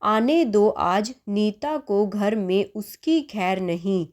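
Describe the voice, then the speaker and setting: A stern middle-aged mother-in-law scolds indignantly in a storybook tale, as a woman puts her on. She talks slowly and unhurriedly, pressing each complaint home. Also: medium pitch, lively intonation, darkish tone. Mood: angry.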